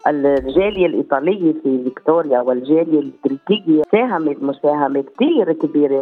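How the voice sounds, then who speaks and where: Brief: husky woman, chatty storyteller, phone-like narrow sound. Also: sits low. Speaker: Arabic language lecturer. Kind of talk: casual interview clip.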